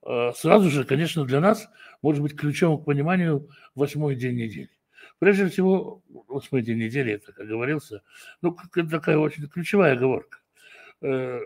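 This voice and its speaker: This preacher and Bible teacher has a gravelly voice pitched on the high side, with a darkish tone. He opens with prayer before moving into a Torah lesson, delivered slowly and deliberately, and he often hesitates and corrects himself.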